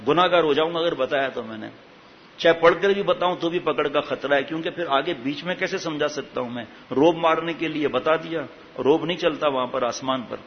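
A man's voice: fairly high pitch, slight background noise. A man preaching a sermon with passion, asking the listeners many rhetorical questions. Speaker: religious preacher. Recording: echoey hall, dull lo-fi sound.

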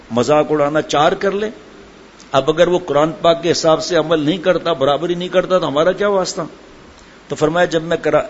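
A man preaching a sermon and telling humorous anecdotes in a chatty way, full of asides. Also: a little high. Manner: conversational storytelling, chatty asides. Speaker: religious preacher. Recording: dull lo-fi with faint background noise.

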